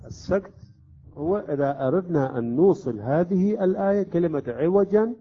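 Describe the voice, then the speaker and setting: Man teaching recitation rules, higher voice. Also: lively intonation, normal speed. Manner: explains step by step, often checks with "right?". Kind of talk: tajweed lesson explanation. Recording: dull lo-fi recording.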